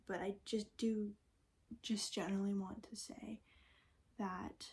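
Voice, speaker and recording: A young woman talking in a casual, reflective vlog, soft-spoken and often slipping into a breathy half-whisper as she thinks aloud. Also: mid-range voice. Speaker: vlogger.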